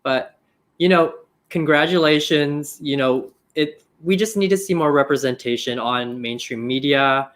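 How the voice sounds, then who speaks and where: A man's voice: fairly high pitch, fairly bright tone. Sassy drag queen co-host. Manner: sassy, quick quips. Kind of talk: casual chat on a live show.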